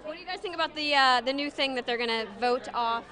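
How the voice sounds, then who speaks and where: A woman's voice: high voice, quick pace, a crowd in the background. A woman reporter interviewing guests in an upbeat, teasing, giggly way. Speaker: entertainment reporter. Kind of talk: red-carpet interview.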